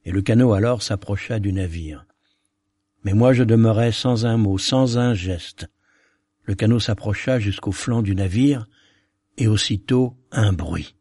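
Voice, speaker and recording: A man reading a narrative poem aloud in a solemn, measured way. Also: on the low side, warm tone, breathy edge, no room sound.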